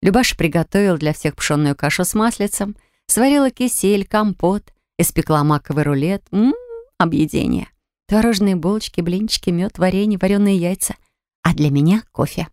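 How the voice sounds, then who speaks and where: A woman narrating a first-person fantasy audiobook with expressive storytelling. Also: fairly low pitch, moderate pace, dry recording, clean studio sound.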